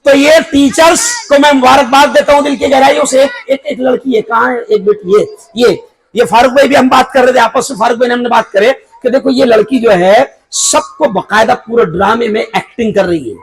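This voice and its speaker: A middle-aged man with an Indian Urdu accent, a cleric giving a lively parenting sermon at a school function. He speaks with emphasis, prods the crowd with rhetorical questions and sometimes raises his voice to near shouting. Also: sits high, husky, poor audio. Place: school event hall before an audience.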